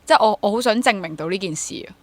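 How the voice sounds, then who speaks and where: A woman in her twenties with a Hong Kong accent, a freelance theatre actor and drama teacher, speaks candidly and reflectively as a guest in a casual interview. Her mid-range voice moves at a racing pace with lively intonation, mixing English words into her sentences and questioning herself, with no room sound.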